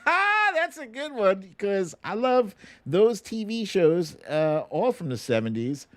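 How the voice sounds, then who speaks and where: This time his voice runs high with big pitch swings, and he takes it slowly; the recording is dry. The middle-aged American hosts a political livestream, chatting informally and plainly with viewers and answering their questions.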